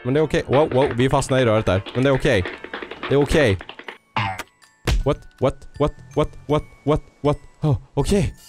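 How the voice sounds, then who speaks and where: A man giving let's-play commentary on a game. He cheers on and scolds his character and drops English phrases into his talk. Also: mid-range voice. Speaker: gaming YouTuber. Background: faint game music.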